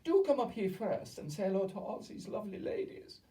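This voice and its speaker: Storybook villain: shrill, cruel female witch boss, wildly swooping high voice, done by a reader, heard from a little way off. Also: sing-song, a little fast, mellow, recorded from a distance. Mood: gloating. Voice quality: shrill, shrieking, theatrical. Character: shrieking imperious female witch leader, cruel. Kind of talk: audiobook reading.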